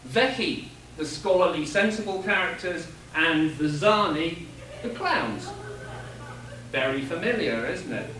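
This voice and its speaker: A man giving an animated, explanatory panel talk at a convention, chuckling now and then. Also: on the high side, measured pace. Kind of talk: lecture-style panel talk. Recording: echoey room from a distance.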